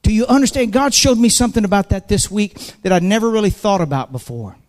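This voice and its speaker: A man's voice: sits high, lively intonation, quick pace, darkish tone, long reverb tail. A man preaching a sermon in a church, impassioned, repeating phrases and building emphasis. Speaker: pastor. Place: church sanctuary.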